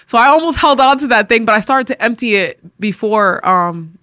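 Bright-voiced woman, animated storyteller. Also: fairly high pitch, normal speed, no echo, studio quality. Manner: animated, laughing, acts out quotes. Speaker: podcast host. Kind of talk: casual faith storytelling.

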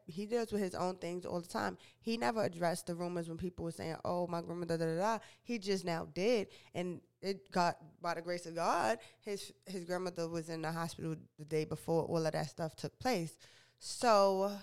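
A woman's voice: fairly low pitch, normal speed, clear, resonant tone. A young woman hosting a podcast and radio show, giving casual, opinionated entertainment news commentary and often correcting herself. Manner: chatty, opinionated, frequent self-corrections and stumbles.

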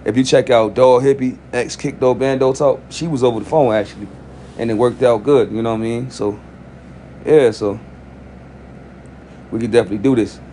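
A man's voice: medium pitch, mellow, a little hiss or hum. A man hosting his own podcast in loose, rambling, profane casual talk, sounding frustrated. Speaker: podcast host.

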